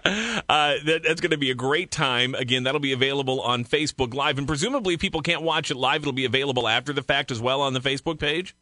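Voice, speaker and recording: A man's voice: medium pitch, fast, hardly any pauses, pushed and bright. A man hosting a conversational broadcast interview, reacting and putting questions to his guest. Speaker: radio host.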